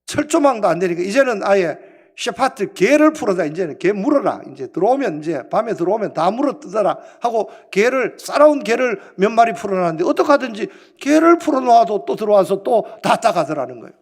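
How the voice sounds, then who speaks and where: A male pastor preaching a sermon in a church, telling a story in an emphatic, animated way. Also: sits high, brisk. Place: church sanctuary.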